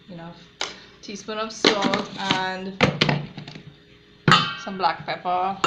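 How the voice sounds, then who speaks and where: Heavy background noise surrounds a medium-pitched woman, an adult mother showing a recipe step by step in a casual cooking demo at home. Her echoey kitchen is full of clattering cookware, dishes, cutlery and a blender.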